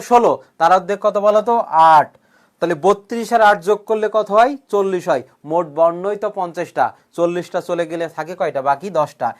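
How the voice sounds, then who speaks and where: A male coaching teacher giving an online grammar lecture, drilling students with repeated questions and answers, joking with threats and often clearing his throat. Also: high voice. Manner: jokingly threatens students who have not shared the class.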